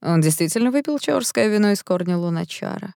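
A woman's voice: medium pitch, animated, brisk, creaky, a little mellow, no room sound, studio quality, pitched above the performer's own voice. A woman reading an audiobook, voicing a proud young crown prince who is sarcastic and snaps in anger. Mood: sneering. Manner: sarcastic, snapping.

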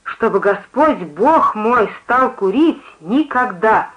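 A fervent woman street preacher, shrill and exalted, crying out her warnings high and loud as a reader acts her out. The sound is muffled and lo-fi. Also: lively intonation, a little slow. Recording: muffled lo-fi recording.

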